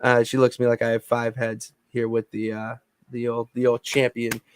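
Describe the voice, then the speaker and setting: A man co-hosting a podcast from his home basement, talking in an excitable, rambling way with many restarts. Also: mid-range voice, brisk, a little hiss or hum. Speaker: podcast co-host. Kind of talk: casual chat.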